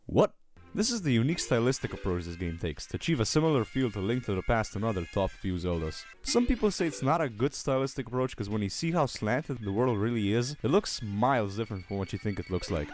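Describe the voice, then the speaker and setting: Animated, joking man reviewing a game. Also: mid-range voice. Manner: sarcastic, joking, casual swearing. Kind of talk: scripted casual game review narration. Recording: voice-over with music behind it.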